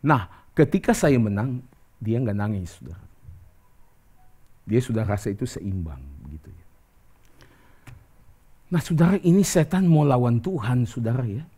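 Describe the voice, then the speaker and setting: Middle-aged male pastor, chatty sermon delivery, swings high when animated, acts out voices in his stories. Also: normal speed, pauses often, husky. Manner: conversational preaching, lively jumps in pitch, acts out quoted dialogue.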